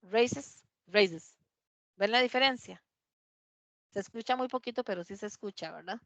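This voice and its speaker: A woman teaching an English class, patiently explaining grammar and repeating words slowly to model pronunciation, in dull lo-fi audio. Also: a little high, vocal fry, fairly bright tone, dry recording.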